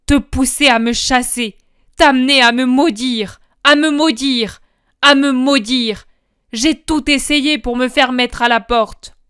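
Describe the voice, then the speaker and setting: A woman voicing a furious male traitor disciple, shouting bitter accusations in a dramatic audiobook reading. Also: high-pitched, steady tone, slow pace, clear, resonant tone, no room sound, studio quality, voice pushed up.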